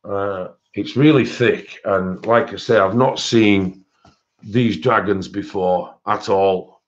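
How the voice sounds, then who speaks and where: A man with a lowish, steady voice takes his time while hosting a coloring book channel's live-stream supply haul. He chats and rambles with viewers in the comments, full of fillers and self-corrections, and the audio is dull.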